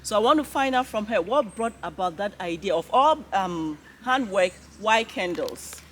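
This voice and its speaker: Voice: mid-range voice, animated, moderate pace, slight background noise. An interview host talking straight to viewers, enthusiastic and full of repeated "wow". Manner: enthusiastic, says "wow" often, addresses viewers. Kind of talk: casual interview.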